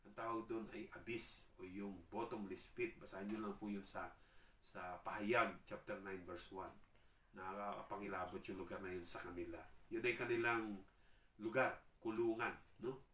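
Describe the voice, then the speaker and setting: A man with a Filipino accent preaching a sermon, earnest and steady, mixing English into his talk and often checking in with his listeners. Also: fairly low pitch, moderate pace, slight background noise. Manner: Taglish preaching, earnest, frequent tag questions. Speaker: pastor. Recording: echoey room, voice far from mic.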